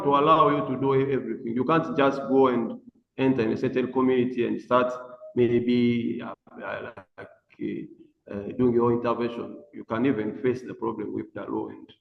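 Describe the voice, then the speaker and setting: A gravelly man speaks in a halting way, often restarting his sentences. His voice rings with a long echo that lingers around the room. The sound is muffled, as if it came through a video call. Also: lowish voice, slight background noise. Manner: halting, with many restarts and fillers. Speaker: psychiatrist and dermatologist, webinar speaker. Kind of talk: unscripted talk on a video call.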